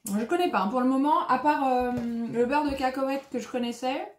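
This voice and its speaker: A woman's voice: sits high, moderate pace, roomy sound. A woman with a French accent, a dietitian chatting casually as she unboxes food and reads out ingredients. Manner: chatty, lots of fillers, reads out ingredient lists. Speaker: dietitian-nutritionist.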